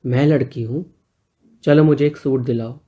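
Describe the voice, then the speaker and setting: A man voicing a gentle, joking neighbor who is a little older and talks calmly and reassuringly. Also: mid-range voice, normal speed, lo-fi sound, lightly acted.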